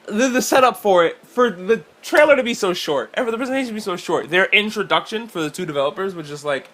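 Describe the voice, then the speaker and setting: A man's voice: sits high, animated, quick pace, fairly bright tone. A man co-hosting a casual reaction chat about a games showcase, rambling through his notes and swearing freely. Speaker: co-host.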